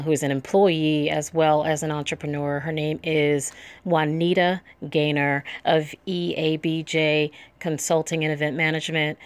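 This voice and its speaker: An upbeat, chatty woman hosts a podcast interview in a fairly low voice. She leans on repeated phrases for emphasis, and the sound is close and dry. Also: dry recording. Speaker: podcast host.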